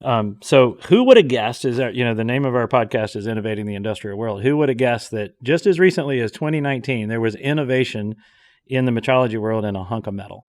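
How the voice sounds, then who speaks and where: A man's voice: medium pitch, fast talker. An upbeat man hosting a casual podcast chat. He explains ideas eagerly, with plenty of fillers along the way. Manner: enthusiastic, explanatory, with frequent fillers. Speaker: podcast host.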